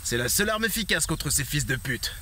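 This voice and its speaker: A man's voice: fairly high pitch, sing-song, a little fast, very noisy. A man narrating a comic film review in a sarcastic, mock-explanatory way with crude asides.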